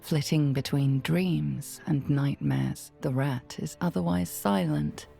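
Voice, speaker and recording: Gravelly, ominous game narrator. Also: female voice, low-pitched, steady tone, slow pace, warm tone, soft background music, heavily acted.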